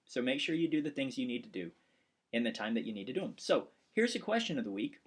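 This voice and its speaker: A man's voice: medium pitch, lively intonation, quick pace, breathy edge. A man in his forties, an instructor and pastor, talking in a casual, earnest, rambling way in a course announcement video, with many restarts. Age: 40s.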